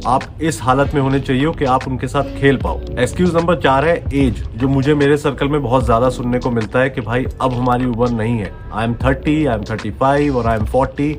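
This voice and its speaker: A man in his late thirties talks as a fitness coach in an earnest, coaxing tone, often dropping English phrases into his speech. His voice sits in a middle pitch. Music plays clearly under him. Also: moderate pace, few pauses. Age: 30s. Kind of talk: motivational talk to camera.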